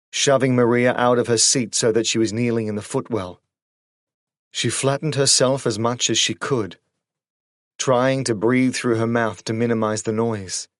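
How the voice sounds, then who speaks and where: A male audiobook narrator reads a horror story at a mid-range pitch, measured and suspenseful. The recording is close and dry, with no room sound around his voice. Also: no echo.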